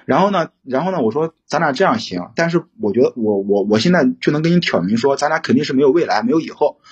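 Halting young man, husky muffled voice. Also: mid-range voice, expressive. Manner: rambling, halting, many restarts. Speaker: caller seeking relationship advice. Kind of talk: casual phone-in storytelling.

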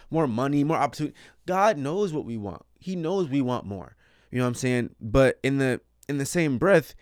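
A man hosts a casual faith podcast, telling stories with energy and often stumbling over repeated words. His voice sits in the middle range and comes across smooth and crisp. The recording is dry and close, with no room sound. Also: mid-range voice, dry recording. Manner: animated storytelling with frequent repeated words and laughs. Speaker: podcast host.

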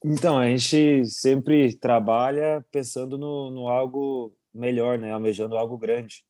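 This is a relaxed young man from Brazil, a goalkeeper. His voice is warm and mellow, recorded dry and close. He chats loosely with plenty of fillers and quick laughs. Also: mid-range voice, no room sound. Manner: relaxed, chuckling, many fillers. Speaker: goalkeeper abroad, interview guest. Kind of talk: casual interview chat.

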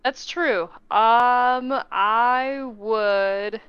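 Female game player, smooth casual voice, dry and slightly dull mic. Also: fairly high pitch, very slow, dry recording.

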